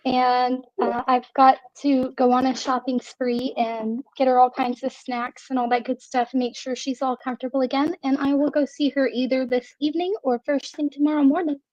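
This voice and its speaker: A woman's voice: high voice, level tone, normal speed, hardly any pauses, a little mellow, no echo. A middle-aged woman chatting casually, articulating carefully, with slightly slurred speech and whistling S sounds as with missing teeth. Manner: careful articulation while relearning to talk. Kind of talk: casual chat. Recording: dull, lo-fi online audio.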